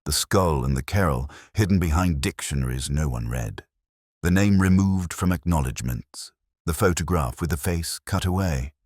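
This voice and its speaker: A man playing a brooding, literate police inspector, narrating a detective drama in a measured, wry, reflective way. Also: extremely low pitch, expressive, a little mellow, husky, no echo, studio quality, heavily acted. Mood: brooding, melancholy. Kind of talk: scripted first-person detective drama narration.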